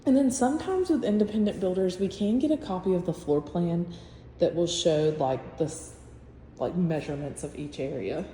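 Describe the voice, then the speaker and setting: A real estate agent gives a chatty, matter-of-fact room-by-room tour of an empty new-built house. Her lowish voice is warm and at a normal speed, and the empty indoor rooms ring with long reverb and a faint hum.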